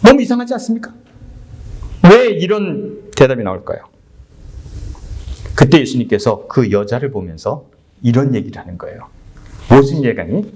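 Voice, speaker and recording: A man's voice: medium pitch, sing-song, normal speed, long pauses, darkish tone, husky. A middle-aged male pastor giving a conversational sermon, retelling a Bible story in acted dialogue and putting questions to the congregation. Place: church sanctuary.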